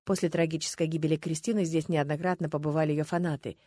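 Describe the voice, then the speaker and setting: A woman narrating an audiobook in a wry, expressive storytelling manner. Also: deep voice, fast, no echo.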